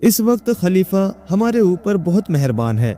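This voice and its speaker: Figure: man doing a worried elderly mother, coaxing and soft, storybook reading. Pitch raised, mellow tone. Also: very animated. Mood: pleading. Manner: pleading, coaxing. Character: old mother, worried and pleading.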